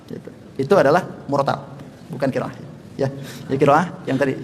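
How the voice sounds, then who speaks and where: A man's voice: mid-range voice, fairly quick, long reverb tail, a little hiss or hum. A man teaching a religious study class, chuckling often and chanting sample melodies between his explanations. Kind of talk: Quran study lecture.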